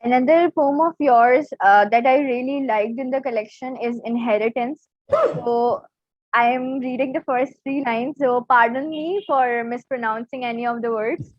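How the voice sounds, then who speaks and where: High-voiced woman asking interview questions. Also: normal speed, dry recording. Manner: careful, repeats herself when asking. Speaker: interview host. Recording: dry, dull lo-fi audio.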